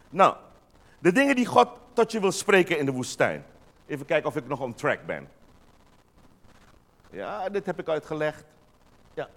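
Male pastor, animated sermon delivery, acts out little voices, swoops widely in pitch. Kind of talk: lively sermon.

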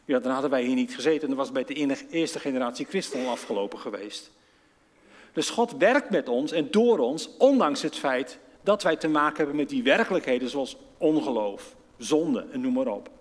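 A man's voice: mid-range voice, expressive, a little fast. A man preaching a conversational sermon. He asks his listeners questions and acts out the quotes in his story. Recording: long reverb of a large hall.

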